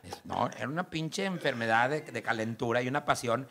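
A man with a Mexican accent telling crude jokes in a bar, rowdy and animated. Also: medium pitch, fairly quick. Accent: Mexican Spanish.

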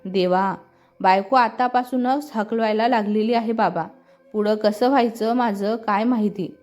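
A playful, teasing young man in love, as a woman narrator reads him, fairly high in pitch. Quiet music runs under a slightly dull sound. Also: steady tone, measured pace, natural voice. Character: young groom, playful and romantic. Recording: slightly muffled with soft music.

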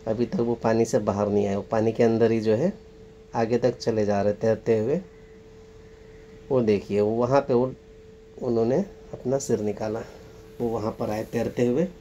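A man's voice: fairly low pitch, fairly even intonation, mellow, highs cut off. Man narrating a walk by a waterfall. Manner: guiding, pointing things out to viewers. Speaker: travel vlogger. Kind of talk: casual on-location tour narration. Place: outdoors by a waterfall. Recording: faint noise from rushing water outdoors. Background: rushing water and outdoor ambience.

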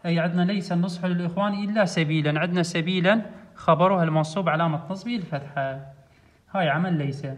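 A man with an Iraqi Arabic accent, working through grammar exercises as a teacher and repeating each rule as he explains it. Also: sits high. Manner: steady explanatory, repeats rules.

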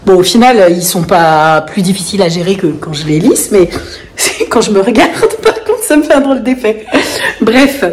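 A woman's voice: medium pitch, lively intonation, moderate pace, a little hiss or hum. A woman vlogging to camera in a chatty, rambling way, often breaking into laughter. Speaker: family vlogger. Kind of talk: casual chat to camera.

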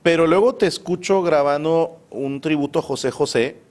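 A man's voice: a little high, normal speed, a little mellow. A man with a Mexican accent hosting a casual interview, joking and teasing in crude slang. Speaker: talk show host.

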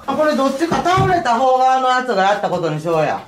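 A man's voice: very high-pitched, very animated, fast talker, crowd noise. A man with a Kansai accent bantering casually in an incredulous, accusing way. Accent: Kansai Japanese. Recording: echoey, distant, clearly noisy.

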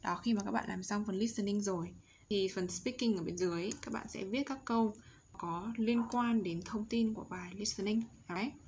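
A Vietnamese woman teaching English to young children online, drilling words slowly and stretching each sound for them to copy. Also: mid-range voice, darkish tone, lo-fi sound, slight background noise. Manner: slow, exaggerated pronunciation drills.

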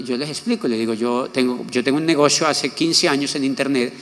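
A man giving a motivational conference talk, telling an anecdote and acting out the other people's voices. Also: medium pitch. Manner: animated, acts out quoted voices. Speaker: motivational speaker. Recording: long hall reverb.

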